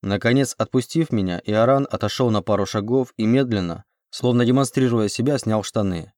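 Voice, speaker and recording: A man narrating an audiobook chapter in a measured storytelling manner. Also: medium pitch, darkish tone, dry recording, studio quality. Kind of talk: scripted narration.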